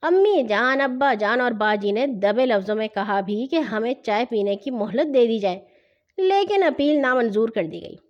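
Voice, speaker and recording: A woman narrating a children's story with a lively, expressive reading. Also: on the high side. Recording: dull lo-fi recording.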